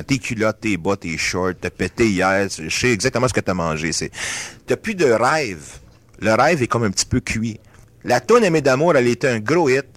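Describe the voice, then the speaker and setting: Québécois guy, kinda low voice, rambles on, mixes english bits in, casual interview. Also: a bit bright, no room sound. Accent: Québécois French. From Canada. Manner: rambling, mixes English phrases into his French. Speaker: singer.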